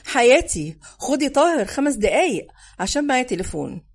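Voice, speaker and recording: An eager Egyptian man who loves to lecture about the old days, his voice climbing and dropping as he talks, put on by a woman narrator. It sounds like an audiobook character, pitched a little high. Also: big pitch swings, a little fast, breathy edge, full character voice. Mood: lively. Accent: Egyptian Arabic. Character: chatty adult man, history buff and young father.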